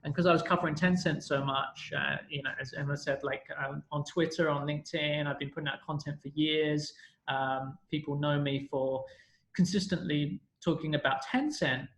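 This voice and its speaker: A British man from London, in his thirties, appears on a podcast and tells his story in a rambling way, often correcting himself, as part of a casual storytelling interview. His voice is fairly high and a bit bright, with a steady tone and normal speed, and the recording room is echoey.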